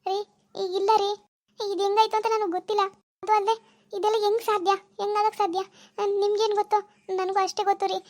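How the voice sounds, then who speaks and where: A woman voicing a flustered young village wife in a cartoon, pleading her innocence in a very high, quick voice. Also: flat delivery, a little mellow. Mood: pleading confused. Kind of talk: cartoon voice acting.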